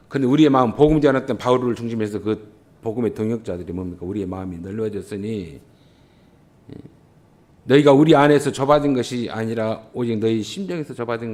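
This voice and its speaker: A male pastor with a Jeolla Korean accent preaching a sermon, impassioned, swinging between loud emphasis and quiet asides. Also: mid-range voice. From Jeolla region, South Korea. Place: church sanctuary.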